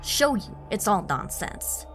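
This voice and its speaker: A woman's voice: mid-range voice, sing-song, slow pace, faint music behind. A woman voicing a cursing, defiant soldier. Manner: scornful, shouting, swearing. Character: angry defiant male WWI soldier, cursing.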